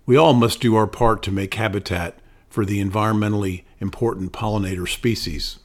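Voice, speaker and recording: A man's voice: on the low side, fairly even intonation, a little fast. A man hosting a podcast, reading an introduction and then asking questions with many hesitations and restarts. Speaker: podcast host.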